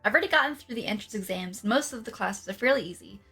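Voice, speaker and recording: Woman host, fairly high and crisp-edged bright tone, giggly casual banter, faint music underneath. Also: lively intonation, racing. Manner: jokey, giggly, mock-professional. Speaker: livestream host. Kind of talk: casual comedic livestream chat.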